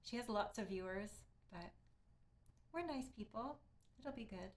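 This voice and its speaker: A woman's voice: medium pitch, lively intonation, a little slow. Chatty woman streamer thanking her viewers. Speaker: streamer ending a live music stream. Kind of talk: casual chat with viewers.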